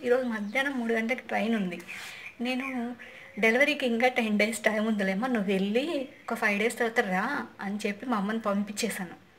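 A woman's voice: mid-range voice, fairly bright tone. A young woman vlogger casually recounting a personal story, chatty and often repeating herself. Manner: chatty, repeats and restarts phrases. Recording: faint background noise.

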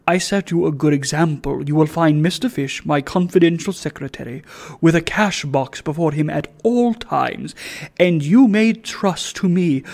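A self-righteous wealthy old gentleman, played by a man reading a storybook aloud, speaks with solemn, pompous majesty. His delivery is slow and deliberate, in a slightly raised register. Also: a little high. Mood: lecturing. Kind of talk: audiobook reading.

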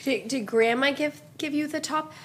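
A woman's voice: sits high, normal speed, fairly bright tone, a little hiss or hum. A young woman, a mother, patiently coaxing her toddler with simple questions in a home video.

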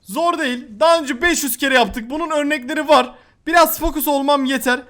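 A man giving gameplay commentary on a mobile shooter, excitable and prone to frustrated yelling. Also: very high-pitched, brisk. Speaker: gaming YouTuber.

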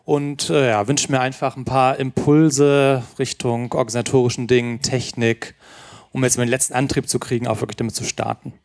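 A man's voice: mid-range voice, level tone, fairly quick, darkish tone. Man, workshop attendee, earnest self-introduction on a handheld mic in a seminar room. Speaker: workshop participant. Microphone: handheld microphone.

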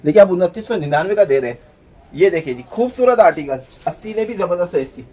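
A man, a clothing shop owner giving an energetic, hard-selling pitch in his small shop. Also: quick pace, breathy edge. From Pakistan. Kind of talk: sales pitch vlog.

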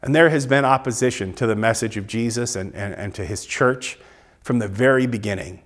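Casting: man, 30s, pastor, earnest recorded sermon, middle-pitched voice, lapel mic. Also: brisk. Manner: earnest, gestures with both hands. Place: small church stage with drum kit and Christmas decor, indoors.

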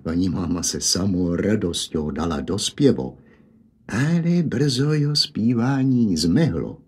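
A man narrating a fairy tale in a lively, expressive way. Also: on the low side, breathy edge.

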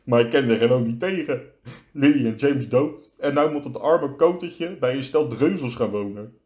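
A huge gruff giant with a soft heart, as a man puts him on, speaking low and hesitant, his voice choking up. A storybook figure in a children's read-aloud. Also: lively intonation, moderate pace, reverberant, natural voice. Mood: sobbing. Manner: low, stammering, tearful.

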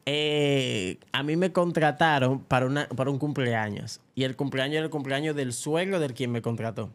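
A young adult Dominican man, a comedian, chatting casually and telling lively stories, with a Dominican Spanish accent and a speech habit of not pronouncing the R. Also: mid-range voice, moderate pace. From Dominican Republic. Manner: animated storyteller who acts out quoted voices. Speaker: comedian guest. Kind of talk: casual podcast chat.

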